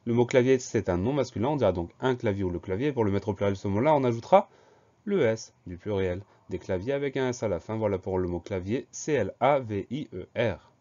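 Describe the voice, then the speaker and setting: A man teaching a French spelling dictation lesson, explaining each word slowly and spelling it out letter by letter in a patient, steady way. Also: on the low side, highs cut off. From France.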